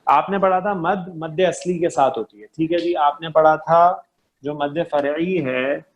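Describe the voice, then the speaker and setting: A man's voice: a little high, a little slow. A man teaching an online class, patient, repeating key terms and checking often that his students understand.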